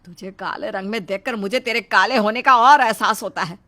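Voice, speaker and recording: A woman's voice: mid-range voice, moderate pace, pushed and bright, natural voice. A woman voicing a harsh, scornful middle-aged mother-in-law in a cartoon story, scolding and taunting.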